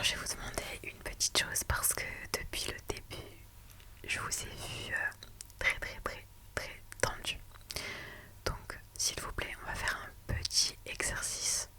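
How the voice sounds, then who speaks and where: A woman whispering softly and slowly in an ASMR roleplay as a reassuring lawyer, with many calm "ok"s. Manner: soft, slow and soothing, with many "ok" and "d'accord". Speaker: lawyer in a client meeting roleplay.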